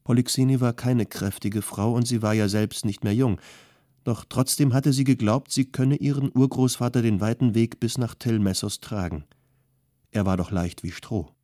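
A man narrating an audiobook in a calm, measured storytelling manner. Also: mid-range voice, no echo, studio quality. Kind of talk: scripted narration.

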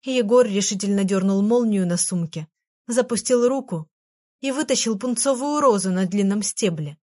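Female narrator, middle pitch, expressive children's storytelling.

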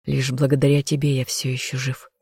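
An audiobook reader voicing a passionate, possessive male elf lover, speaking low, soft and unhurried. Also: monotone, gravelly, husky, no echo, clean studio sound. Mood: tender. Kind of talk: audiobook character voice.

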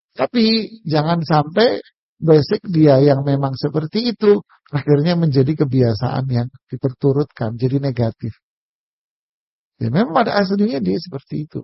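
A man's voice: mid-range voice, creaky, slightly rough, no echo, highs cut off. A man giving a casual, humorous religious lecture, joking with and speaking directly to his audience. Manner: jokey, talks straight to the audience. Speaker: Islamic preacher.

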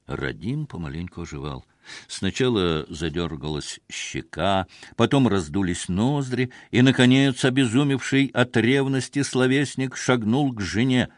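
Male narrator, unhurried expressive audiobook read, dry close-miked voice. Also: medium pitch, no echo. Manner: measured, expressive storytelling.

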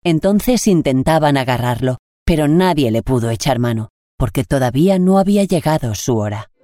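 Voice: mid-range voice, lively intonation, mellow, no echo. Solemn Gospel reader from Spain. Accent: Spain Spanish. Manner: measured, solemn, deliberate phrasing. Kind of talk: scripted liturgical reading.

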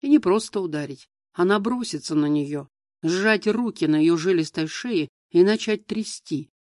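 A man narrating an audiobook in a measured, even storytelling manner. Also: high-pitched, no room sound, clean studio sound. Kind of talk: scripted narration.

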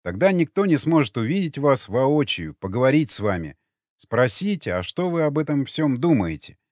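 A man narrating an audiobook in an expressive, dramatic way, close to the mic. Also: medium pitch, moderate pace, no room sound. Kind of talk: scripted narration.

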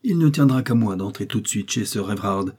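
A guy voicing a sly drunk tramp, low husky voice, kinda defiant. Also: lively intonation, fairly quick, a little mellow. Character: boozy, sly male vagabond servant.

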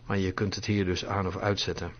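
A man's voice: deep voice, flat delivery, a little fast. A man hosting a live voice chat, explaining settings step by step with many fillers. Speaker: host of a tech Q&A voice chat. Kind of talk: live demonstration over voice chat. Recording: dull lo-fi voice chat audio.

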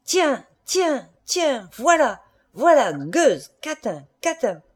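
A jealous middle-aged husband, voiced by a woman reading a storybook, badgering and insistent, stammering when shaken. His pitch swings widely from line to line over a dark, mellow tone. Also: animated, unhurried, close to an everyday voice. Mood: furious.

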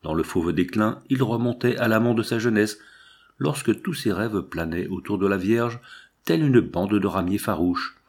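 A man narrates a classic novel as an audiobook, in a measured, lyrical reading. His voice sits fairly low, and he lets dramatic pauses hang between phrases. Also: darkish tone, husky.

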